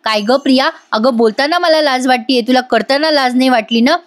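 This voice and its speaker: Woman reading angry young woman, stern, scolding, fairly high voice. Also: fairly quick, lightly acted. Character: angry young woman confronting her rival.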